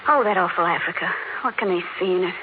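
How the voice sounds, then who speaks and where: A woman's voice: fairly low pitch, fast, close to an everyday voice. An actress playing an anxious, pleading wife and mother in 1950s radio drama. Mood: uneasy. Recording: tinny, very noisy vintage radio recording.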